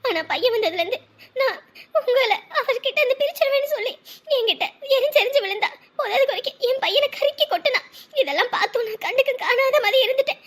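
A woman's voice: very high-pitched, animated, fast. A woman voicing a scheming, scolding middle-aged stepmother in a cartoon, nagging as she talks. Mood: falsely hurt. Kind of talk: Tamil cartoon voice acting.

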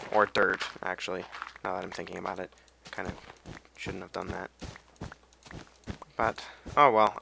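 A man's voice: low-pitched, vocal fry, background noise. A young man giving casual, rambling commentary over a video game, humming and drifting off on tangents. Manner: rambling, goes off on tangents, hums and sings to himself. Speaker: gameplay commentator.

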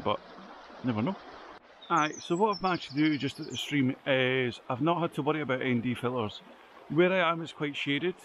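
A man's voice: medium pitch, a little hiss or hum. A man, chatting casually to camera in the woods, rambling with lots of ums. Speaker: photography vlogger. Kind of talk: casual vlog chat. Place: outdoors in woodland by a stream.

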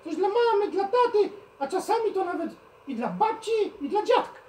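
A woman doing Uszak, a very high-voiced naive young hare. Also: big pitch swings, moderate pace, dark tone, slight background noise. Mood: curious. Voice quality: high childlike voice, mishears words. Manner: eager, playful, asks many questions. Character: curious naive young male hare puppet. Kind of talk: children's puppet show. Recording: roomy, from a distance.

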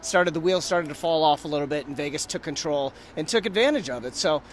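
A man in his thirties with a fairly high voice gives casual post-game analysis, restarting sentences as he goes. He talks into a phone held at arm's length in an empty arena, with a light hum behind. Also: quick pace. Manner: hesitant, lots of restarts. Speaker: hockey reporter guest. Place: inside an empty hockey arena, rinkside. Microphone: host's phone at arm's length.

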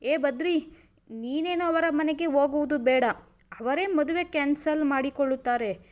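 A woman's voice: sits high, normal speed, natural voice. A woman reading aloud, voicing a tearful, jealous young village woman who pleads and accuses between sobs.

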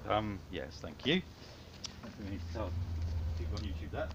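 A middle-aged man gives playful, tongue-in-cheek narration for a home video shot in a small back garden, his fairly low voice sing-song and moderately paced. The outdoor camera recording sounds muffled and noisy, with audible clicks.

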